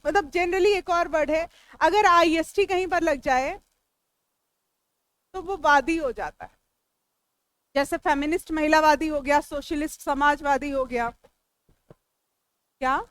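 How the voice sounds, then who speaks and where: A woman with a high voice and an Indian English accent teaches English vocabulary to a class. She works through each word slowly, splitting it into its parts and turning to the students to ask and answer. Her voice sits close on the mic in a dry room with no echo. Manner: explains word meanings step by step, talks back to students. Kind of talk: classroom lecture.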